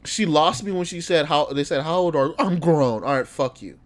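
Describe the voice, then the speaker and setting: A man's voice: fairly high pitch, a little fast. A man hosting a casual reaction chat, mocking and swearing as he laughs at clips. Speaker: podcast host reacting to clips.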